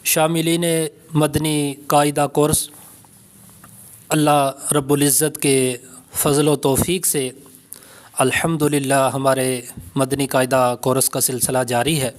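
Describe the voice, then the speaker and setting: A man teaching a recorded Quran reading lesson, with a Pakistani Urdu accent, slowly and carefully pronouncing each letter. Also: medium pitch, little pitch movement. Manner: slow, careful letter-by-letter pronunciation drills.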